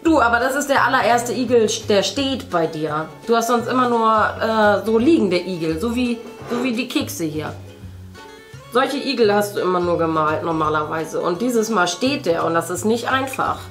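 Hosting a family video, a woman in her thirties paints at an indoor table and explains things straight to her young viewers in a casual chat. Her mid-range voice is animated and fairly bright at a moderate pace, with roomy sound and faint background music.

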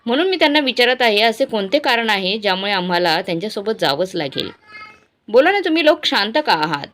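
An elderly mother, patient but unyielding, pressing her sons for the truth, voiced by a woman storyteller. Her pitch rises and falls freely. It is an emotional storybook reading. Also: very animated, brisk, a bit bright. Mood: demanding. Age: older.

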